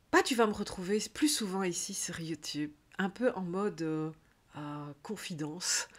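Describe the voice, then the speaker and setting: A woman with a Belgian French accent, a coach talking in a rambling, chatty video diary full of fillers. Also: lowish voice.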